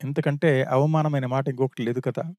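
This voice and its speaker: A man reading as a grieving prince, mellow and dry. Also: medium pitch, steady tone, fairly quick, dry recording, natural voice. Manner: lamenting, full of anguished questions. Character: grieving prince lamenting his lost wife.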